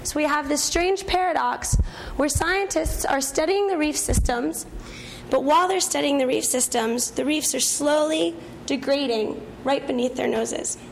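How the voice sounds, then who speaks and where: A young woman with a hoarse, croaky frog voice, partly lost from talking, giving a scientific presentation as a graduate researcher. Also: high-pitched, measured pace, slight background noise, poor audio. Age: young adult.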